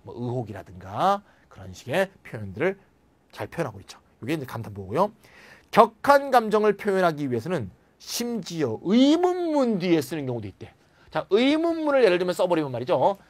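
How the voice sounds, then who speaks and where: Animated Korean grammar lecturer, a man. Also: on the high side, brisk. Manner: lively, animated teaching, acting out English example sentences. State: tired after a late night. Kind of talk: recorded classroom lecture.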